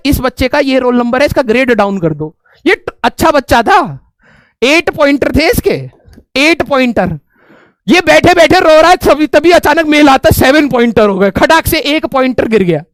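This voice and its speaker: A man's voice: very high voice, no echo, clean studio sound. A man telling a funny story to his students, laughing often and repeating a filler word. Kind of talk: humorous classroom storytelling.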